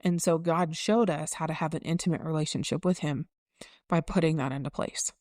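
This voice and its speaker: Low-voiced woman musing on faith. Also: brisk, a little mellow, dry recording, studio quality. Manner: reflective, circling back, teaching tone. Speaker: podcast co-host. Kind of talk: casual faith chat.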